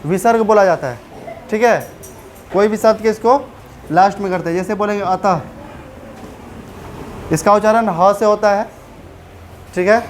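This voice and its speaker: A woman's voice: medium pitch, moderate pace, pauses often, a little hiss or hum. A woman teacher with a Bihari Hindi accent, giving a classroom grammar lesson and often asking the pupils questions to check they follow.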